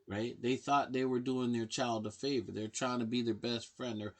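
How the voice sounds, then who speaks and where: A man with a gravelly, fry-tinged voice at an ordinary pitch, talking straight to the camera like a counselor. He lectures parents with emphatic, preachy conviction. He leans hard on rhetorical questions. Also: little pitch movement, normal speed. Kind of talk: direct-to-camera advice talk.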